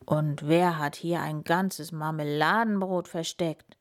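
A woman voicing a big, gruff but kind male bear in a read-aloud storybook, grumbling his lines. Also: low-pitched, fairly even intonation, slow pace. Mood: grumbly.

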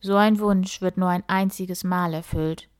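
A woman reading a storybook aloud and voicing a kind, ancient dragon with a rough, deep voice, speaking slowly. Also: steady tone, lightly acted. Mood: solemn.

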